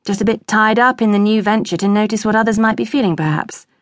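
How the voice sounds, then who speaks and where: A woman voicing a calm, gentle middle-aged wife and mother who speaks mildly. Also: mid-range voice, fast talker, no echo, studio quality, lightly acted.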